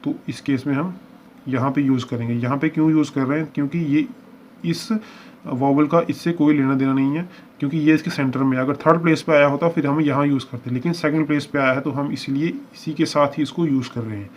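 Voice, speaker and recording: A man's voice: a little high, steady tone, brisk, a little mellow. A man teaching a shorthand lesson, explaining each step patiently and repeating examples as he works through them. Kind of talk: lesson walkthrough. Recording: dull lo-fi recording with faint hiss.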